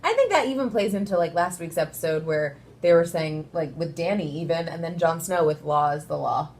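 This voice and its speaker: A woman co-hosting a casual chat, upbeat and quick to giggle. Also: low-pitched, expressive, darkish tone. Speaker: co-host.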